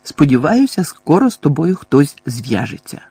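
A man reading an audiobook voices a shrill, furious old woman, a bossy neighbour who shrieks and scolds. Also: very animated, normal speed, warm tone, slightly rough, dry recording. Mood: brisk fussing.

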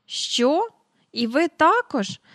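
Curious small boy voiced by a woman, high and eager. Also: very animated, drawn-out words, a bit bright, dry recording, studio quality, heavily acted.

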